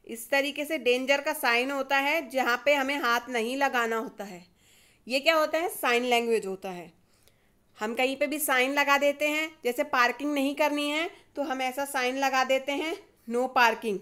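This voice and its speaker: A woman with an Indian accent teaching a casual video lesson, asking and answering her own questions in a lively way. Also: sits high, normal speed.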